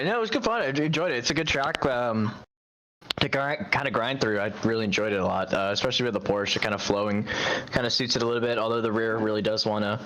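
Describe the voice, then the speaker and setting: A man's voice: on the low side, a bit bright. A man who won the race, talking cheerfully and at length about the track, with many fillers. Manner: cheerful, talkative, runs on with fillers. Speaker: race driver, winner. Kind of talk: post-race interview.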